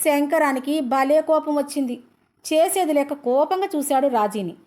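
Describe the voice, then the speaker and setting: High-voiced woman telling a comedy story. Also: moderate pace, a little mellow. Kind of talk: reading a serialized comedy story.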